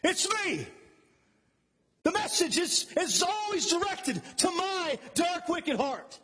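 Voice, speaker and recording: A man preaching a fervent sermon, swinging between shouted peaks and quiet, low intensity. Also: big pitch swings, slow, long reverb tail.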